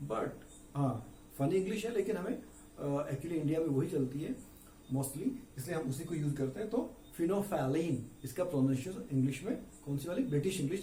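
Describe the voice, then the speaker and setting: A man's voice: on the high side, mellow, reverberant, far from the mic, a little hiss or hum. A man teaching a science class, explaining step by step, repeating key words and asking the class questions. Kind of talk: classroom lecture in Hinglish.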